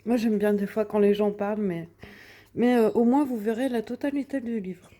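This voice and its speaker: Sitting in front of a window at home, a young coloring vlogger casually presents the pages she has finished. She has a mid-range, dark voice with fairly even intonation and a moderate pace, and she chats hesitantly, restarting often and using many fillers.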